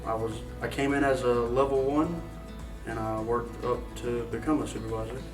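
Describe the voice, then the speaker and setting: A man from South Carolina, a maintenance supervisor, talking in a measured, pausing way in an employee interview. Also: mid-range voice, steady tone. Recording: roomy, distant mic, music behind.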